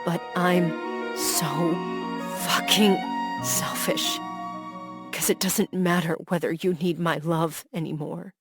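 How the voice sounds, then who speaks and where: Voicing a young man in the grip of jealous, desperate heartbreak, a woman pleads in a raw, anguished way that builds to outbursts. Her voice is on the low side with a steady tone and a slow pace, set against loud background music.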